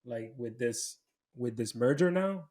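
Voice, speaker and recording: A man's voice: medium pitch, animated, measured pace, a little mellow. A man co-hosting a podcast in casual chat, easygoing and hesitant, often restarting his sentences. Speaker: podcast co-host.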